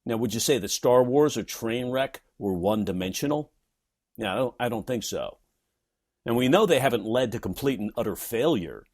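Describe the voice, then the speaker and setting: Sarcastic husky-voiced man, from New York. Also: medium pitch, lively intonation, moderate pace, a little mellow. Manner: sarcastic, wisecracking. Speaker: comedy writer and teacher. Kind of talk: reading his blog post aloud.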